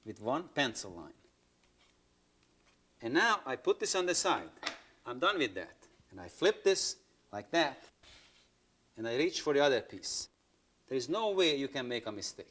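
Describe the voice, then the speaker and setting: A man's voice: medium pitch, very animated, moderate pace, pauses often, fairly bright tone. A man patiently demonstrating woodworking step by step, speaking plain English with non-native phrasing, heard from a worn videotape copy. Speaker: woodworking instructor.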